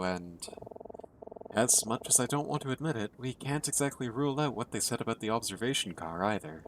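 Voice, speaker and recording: A man's voice: mid-range voice, slight background noise, lightly acted. A man reading a video game's young amateur sleuth in an earnest, hesitant way. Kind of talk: video game dialogue read aloud.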